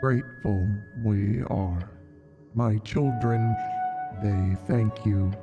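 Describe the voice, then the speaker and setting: A woman voicing a giant, ancient male snail patriarch through a voice changer, speaking in slow, deliberate, halting words. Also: heavily acted. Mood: solemn. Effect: voice changer deepening the voice. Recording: muffled, with music behind.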